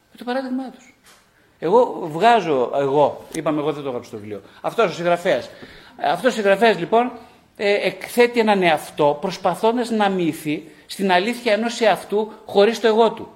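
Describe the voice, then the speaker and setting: A man's voice: high voice, expressive. A middle-aged man, a psychologist and author, giving a live talk to an audience, repeating short phrases and asking rhetorical questions. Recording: echoey room.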